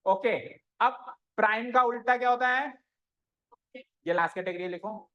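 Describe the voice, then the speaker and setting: A high-voiced male teacher leads a maths class at a measured pace, putting questions to the students and repeating what they answer, with English maths terms woven in. The recording's highs are cut off.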